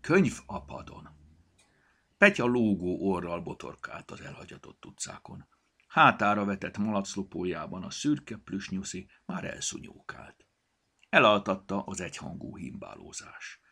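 A male storyteller reading a children's book aloud, deep and gravelly, with a husky edge. His pitch swings about in a lively, expressive manner. The whole reading sounds animated.

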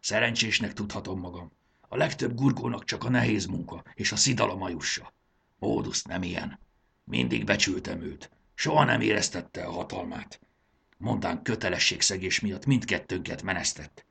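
An earnest young gurgó man, voiced by a male reader, steady and sincere. His voice is low and gravelly with a raspy edge, in a storybook reading. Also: heavily acted. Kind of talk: audiobook character voice.

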